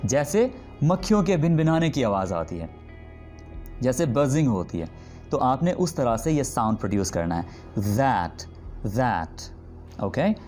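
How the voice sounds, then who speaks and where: A man teaching English pronunciation. He explains patiently and says each example word slowly and drawn out, often stopping to check in with the learner. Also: mid-range voice, sing-song, mellow, soft background music. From Pakistan. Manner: drawn-out demonstration words repeated slowly. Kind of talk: spoken language lesson.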